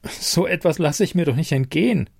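A man's voice: fairly high pitch, lively intonation, fairly quick, creaky, husky, dry recording, clean studio sound, pitched above the performer's own voice, heavily acted. A man voicing a young woman who hides her nerves behind forced cheer. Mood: feigned cheer. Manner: forced bright, nervous cheer.

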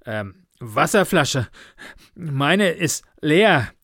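A man's voice: fairly high pitch, expressive, unhurried, fairly bright tone, no room sound, pitched above the performer's own voice. A young man gasps for air between words, raised and strained above the narrator's usual voice. He sounds shaken and haunted, an asthmatic pushing himself too hard, as a male narrator acts him out in a read-aloud story. The delivery is close and dry, with no room around it. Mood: breathless. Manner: panting, gasping between words.

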